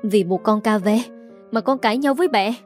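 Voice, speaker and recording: A shrill, haughty middle-aged stepmother who looks down on everyone, as a woman puts her on for a storybook. Her voice climbs high and sharp when she scolds. Faint music plays behind the reading. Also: expressive, brisk, lightly acted. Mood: scornful.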